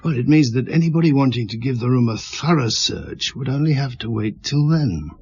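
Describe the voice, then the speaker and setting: An actor playing a calm, laconic police inspector in a radio drama, speaking tersely and asking quiet, probing questions. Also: male voice, medium pitch, fairly quick, husky, dry recording, lo-fi sound, close to an everyday voice. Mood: preoccupied.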